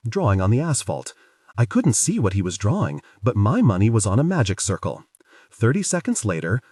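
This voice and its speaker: Lively male audiobook narrator, husky. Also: on the low side, no echo, clean studio sound, recorded from a distance. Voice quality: lively, wry storytelling. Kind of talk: first-person audiobook narration.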